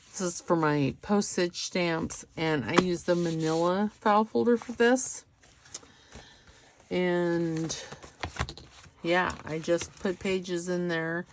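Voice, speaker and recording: A middle-aged woman with a lowish voice hosts a relaxed craft tutorial from her table, chatting and tossing in self-deprecating remarks as she works. Background noise can be heard in the recording.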